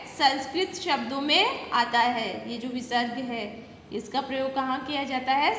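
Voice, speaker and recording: A woman teacher giving a patient lesson to young children, repeating each word slowly and asking them questions. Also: high voice, fairly bright tone. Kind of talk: slow classroom video lesson for young children. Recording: echoey room with long reverb and faint noise.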